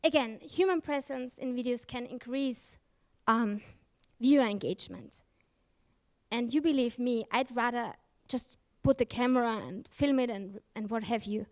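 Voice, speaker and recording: A woman's voice: on the high side, moderate pace. A woman giving a conference talk, candid and emphatic, swearing freely and often correcting herself mid-sentence. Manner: frequent self-corrections and fillers. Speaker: conference speaker. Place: conference stage.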